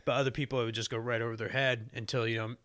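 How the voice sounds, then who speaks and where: A man's voice: medium pitch, little pitch movement, rapid-fire, a bit bright. A man co-hosting a podcast, chatting casually about a movie in a rambling, self-correcting way. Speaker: podcast co-host. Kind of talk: casual movie review chat.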